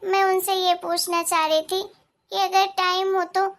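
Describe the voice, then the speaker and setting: A woman plays a worried middle-aged mother on the phone in a cartoon story. She explains things softly and reassures. The voice stays very high. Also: level tone, a little slow, exaggerated voice. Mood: gentle.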